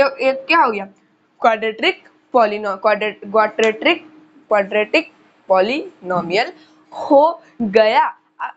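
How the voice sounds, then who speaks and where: Woman math teacher, unhurried, repeats each term, quizzes listeners. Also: a little high, a bit bright, slight background noise. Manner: slows down while writing on the board. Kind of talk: casual classroom lecture. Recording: dull lo-fi recording.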